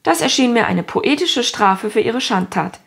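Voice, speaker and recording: A gushing young storyteller girl, read by a woman, theatrical and a little high. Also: expressive, normal speed, creaky, a bit bright, husky, full character voice. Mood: dramatic. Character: imaginative dramatic orphan girl, about eleven. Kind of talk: audiobook character voice.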